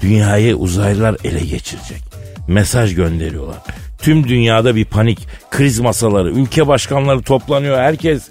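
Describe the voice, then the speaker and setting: A man's voice: fairly low pitch, normal speed, darkish tone, soft background music. A man hosting a comic radio show, teasing his partner with a mock-serious tale in a studio. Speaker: radio comedy host.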